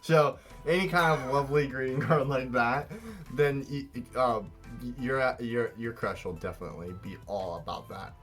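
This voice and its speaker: A man's voice: medium pitch, normal speed, fairly bright tone, soft background music. A man co-hosting a casual drawing tutorial, talking in a rambling, playful way and often correcting himself. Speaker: art show co-host.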